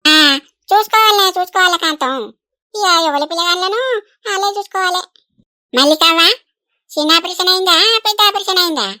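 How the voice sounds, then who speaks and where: In this cartoon, a woman plays an older village aunty who talks with plenty of fuss and affection. Her voice sits very high and sounds bright and sharp, quick to chide and to sympathise. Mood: chiding chat. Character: talkative older village woman, fretful and caring. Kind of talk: animated village comedy voice acting.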